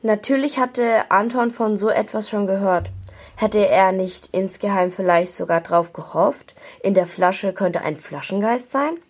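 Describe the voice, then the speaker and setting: A woman reading a children's story aloud at a steady pace. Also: medium pitch, measured pace.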